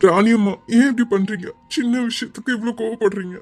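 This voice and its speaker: A performer voicing a gentle, protective village man in an animated drama, calm and reassuring. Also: mid-range voice, brisk, natural voice. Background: music.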